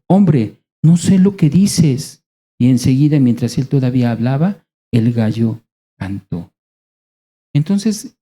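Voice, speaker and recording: A male preacher with a Mexican accent and a very dark, mellow voice. He teaches in a conversational way, asking his listeners questions and pausing for effect. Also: medium pitch. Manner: conversational, rhetorical questions, dramatic pauses. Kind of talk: sermon.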